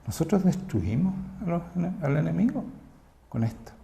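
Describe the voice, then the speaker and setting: Brief: male Chilean pastor, fairly high gravelly voice, emphatic sermon full of rhetorical questions. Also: big pitch swings, normal speed. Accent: Chilean Spanish. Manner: swings between loud and low delivery.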